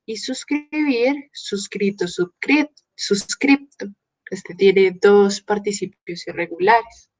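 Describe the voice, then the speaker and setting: A woman's voice: mid-range voice, takes it slowly, poor audio. A woman teaching a grammar lesson, explaining patiently step by step and working through examples. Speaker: Spanish teacher.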